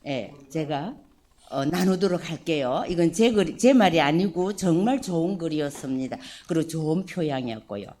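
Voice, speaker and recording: Slow, mellow-voiced Korean nun lecturing. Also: female voice, on the low side. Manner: slow prayerful opening, then lively conversational teaching with questions to listeners. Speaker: religious sister giving a lecture. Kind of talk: prayer then spoken lecture.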